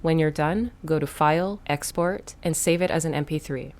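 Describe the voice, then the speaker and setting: A woman hosting a step-by-step software tutorial, explaining each click in a plain, instructive way. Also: low-pitched, normal speed. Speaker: tutorial host.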